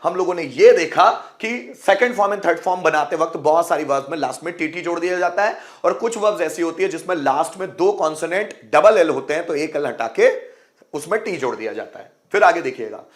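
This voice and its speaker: A man with a fairly high voice teaches English verb forms while speaking in Hindi. He repeats each example word aloud and keeps asking his viewers questions as he goes. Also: animated, fairly quick. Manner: repeats words aloud and asks the class questions. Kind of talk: explaining grammar rules in Hindi.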